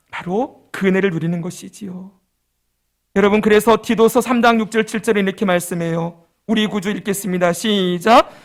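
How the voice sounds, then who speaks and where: A man with a very high-pitched voice delivers a sermon from the pulpit. He presses his points with rhetorical questions and has the congregation repeat lines after him. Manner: emphatic preaching with rhetorical questions and call-and-response. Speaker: pastor.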